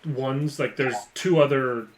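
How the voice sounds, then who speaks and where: A man's voice: medium pitch, fairly even intonation, slow. A man talking casually as a player in a tabletop role-playing game.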